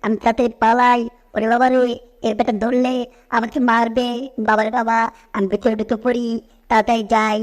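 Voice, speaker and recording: A woman voicing a silly, friendly cartoon octopus who panics easily, squeaky and excitable. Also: fairly quick, close to an everyday voice. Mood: scared. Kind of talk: cartoon dub acting.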